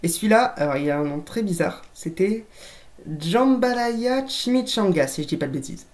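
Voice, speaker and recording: This toy collector vlogger speaks animatedly at a moderate pace, her medium-pitched voice slightly dark. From a room at home with a shelf of toys, she gives a chatty show-and-tell, joking and addressing viewers as friends.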